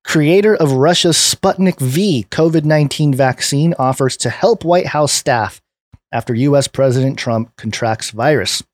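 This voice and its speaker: A man's voice: medium pitch, unhurried, no room sound, clean studio sound. A man co-hosting a casual podcast, reading news items aloud and laughing often. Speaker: podcast co-host. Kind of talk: casual political chat.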